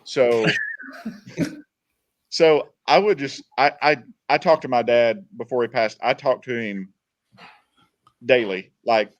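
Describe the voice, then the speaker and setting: A man's voice: medium pitch, slow, pauses often, dry recording. A man guest on a podcast, telling long casual stories, repeating words and retelling what people said. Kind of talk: casual storytelling.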